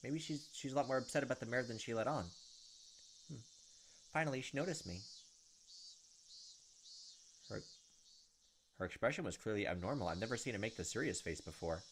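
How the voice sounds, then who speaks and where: A let's play host sits at a desk on webcam, reading visual novel narration aloud and cutting in with blunt, informal reactions. His mid-range voice moves fairly quickly and pauses often, with slight hiss or hum alongside game music and insect sounds.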